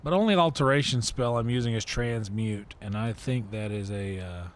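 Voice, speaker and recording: A man with a lowish voice hosts a game livestream from an indoor setup, speaking at normal speed with slight background noise. He chats casually and rambles, thinking aloud and muttering to himself.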